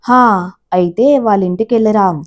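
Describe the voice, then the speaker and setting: A woman's voice: mid-range voice, unhurried, natural voice. Woman doing a kindly, easygoing older brother. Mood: mild. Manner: mild, matter-of-fact.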